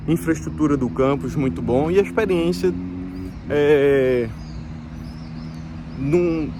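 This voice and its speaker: A Brazilian vlogger in his thirties, mid-pitched and speaking with a Brazilian Portuguese accent, explains things casually to his viewers. He is relaxed but hesitant, full of fillers, stops and restarts, while faint street and car noise drifts in from outdoors.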